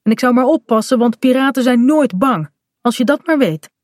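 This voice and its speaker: A woman's voice: fairly high pitch, lively intonation, moderate pace, a little mellow, dry recording, clean studio sound, voice pushed up, lightly acted. A woman voicing Kaat, a bold little pirate girl. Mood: defiant. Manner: bold, cheeky, proud.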